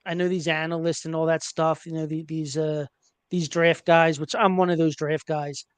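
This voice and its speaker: A man hosting a casual sports podcast, chatty and hesitant, filling pauses with ums and uhs. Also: a little high, level tone, smooth, no room sound. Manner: chatty, hesitant with many fillers. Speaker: podcast host.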